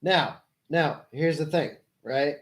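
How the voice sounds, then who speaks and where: A livestream host debates politics with a caller, explaining his points and correcting and rephrasing as he goes. His voice is on the high side and his pace slow.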